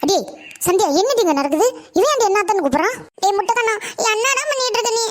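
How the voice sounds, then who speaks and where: A woman's voice: extremely high pitch, lively intonation, fast talker. A woman voicing a strict, short-tempered village mother. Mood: indignant. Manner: scolding, indignant. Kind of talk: Tamil cartoon voice acting.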